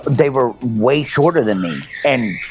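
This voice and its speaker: A man in his thirties chatting on a podcast, explaining things in a steady, storytelling way. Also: mid-range voice, a little slow, music in the background. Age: 30s. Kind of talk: casual chat. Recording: dull lo-fi call audio.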